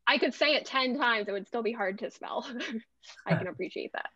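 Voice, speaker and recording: A woman guest speaker patiently explaining genetics to patients on a video call, friendly and quick to laugh. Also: a little high, sharp tone, slightly rough, no echo. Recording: dull, dry video-call audio.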